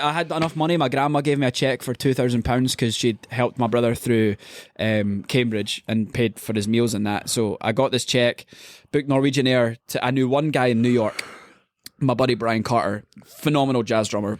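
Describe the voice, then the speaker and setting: A Scottish man from Scotland, a podcast guest, telling stories in an animated, casual way. He swears freely and laughs often. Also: medium pitch, brisk, no room sound. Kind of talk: casual storytelling.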